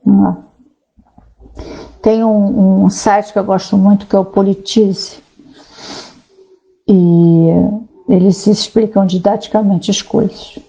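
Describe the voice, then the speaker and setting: A woman's voice: mid-range voice, level tone, slow pace, creaky, pauses often, dark tone, poor audio. A woman sociologist talking casually to viewers, explaining ideas and reading aloud from a website, with frequent tag questions. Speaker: sociologist commentator.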